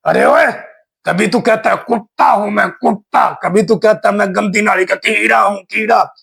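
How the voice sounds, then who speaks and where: A man's voice: high voice, normal speed, gravelly, a bit bright, breathy edge, soft background music, full character voice. A man voicing a hot-tempered father in a cartoon who blusters angrily. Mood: angry. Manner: angry, blustering. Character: hot-tempered adult father shouting at a neighbor.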